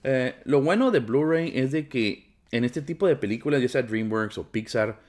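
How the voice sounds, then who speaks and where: A man's voice: medium pitch, expressive, moderate pace, darkish tone. A young man with a Mexican Spanish accent, chatting casually and with plenty of slang while he unboxes movies for his vlog.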